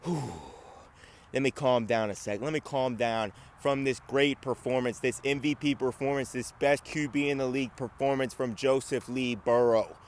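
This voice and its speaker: A man giving a brash, boastful fan commentary rant, first shouting and hyped, then calmer and emphatic. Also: mid-range voice, normal speed, few pauses. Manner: brash, trash-talking, boastful; calmer, emphatic argumentative talk. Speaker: sports YouTuber.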